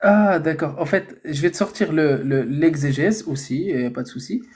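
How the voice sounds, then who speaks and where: A man hosting a heated live debate, arguing in a deliberate way and slowing down to quote scripture. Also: a little high, darkish tone. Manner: argumentative, slow and deliberate when quoting scripture.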